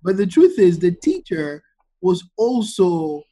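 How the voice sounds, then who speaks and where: Man, forties, higher-pitched voice, rambling storyteller, podcast guest. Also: very animated, slow, warm tone. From Ghana. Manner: rambling storyteller, frequent ums and uhs. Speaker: guest, wine expert. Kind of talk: casual podcast interview.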